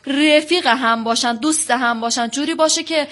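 A young woman telling a counselor about her marriage in long, fast runs, acting out past exchanges. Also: high-pitched, fairly bright tone. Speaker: guest on a counseling show. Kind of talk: emotional personal account.

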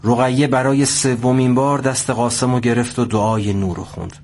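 A man narrating a scripted story at a steady pace. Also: medium pitch, slight background noise.

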